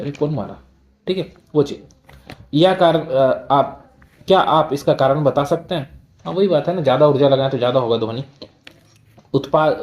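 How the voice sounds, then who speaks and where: A male teacher giving a line-by-line textbook lesson. He reads each line slowly, then explains it casually, asking questions and answering them himself. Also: medium pitch, mellow. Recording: echoey room.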